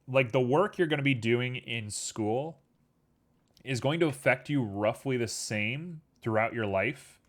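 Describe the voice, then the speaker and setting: A man in a mid-range voice makes casual conversation with his stream audience while working on a 3D model at his computer. He's laid-back and rambling, with plenty of fillers, and a little congested-sounding.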